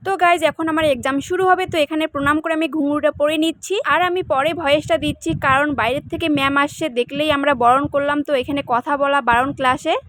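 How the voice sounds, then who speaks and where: A woman's voice: high-pitched, steady tone, fast talker, few pauses, fairly bright tone, slight background noise. A young adult woman, chatting casually to viewers in her vlog. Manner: chatty, addresses viewers directly. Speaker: vlogger. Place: outdoors in rain, then dance class.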